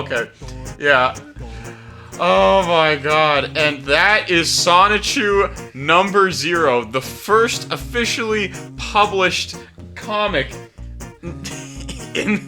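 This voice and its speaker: A young adult man with a high, sharp-toned voice does casual host commentary and reads a summary aloud. As a video host, he's sweary and amused, often breaking into laughter.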